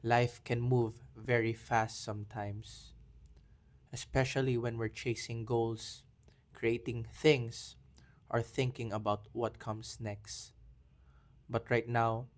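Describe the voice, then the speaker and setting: A man guiding a calm breathing meditation in a soft, soothing voice. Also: mid-range voice, slow. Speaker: meditation guide.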